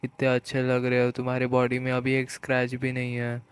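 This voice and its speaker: A man's voice: medium pitch, monotone, a little fast, clear, resonant tone, lightly acted. Brief: talkative teen boy, naive and polite, read by a man, level tone. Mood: chatty. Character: cheerful talkative teenage boy.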